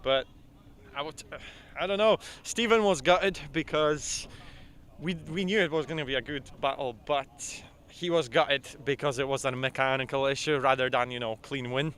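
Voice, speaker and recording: Bright-voiced man from Poland. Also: medium pitch, moderate pace, a little hiss or hum. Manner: relaxed, hesitant, many "uh"s. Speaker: drift driver. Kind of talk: casual interview answers. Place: outdoors at a drift event.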